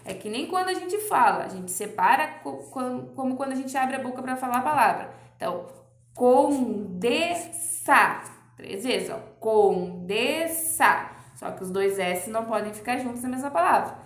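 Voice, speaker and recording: A woman's voice: high-pitched, animated, roomy sound. A young woman teacher with a Brazilian Portuguese accent, patiently explaining a lesson to children, checking often that they follow. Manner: patient, explains slowly with many "ó" and "tá?". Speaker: primary school teacher. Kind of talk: recorded remote class lesson.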